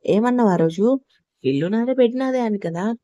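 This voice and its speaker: A cocky young man in an audio story needles a girl he loves to annoy, as a woman narrator plays him. The tone is warm and mellow, dropped a little low, recorded dry and close. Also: normal speed, no echo, natural voice. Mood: mocking. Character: young man teasing his rival.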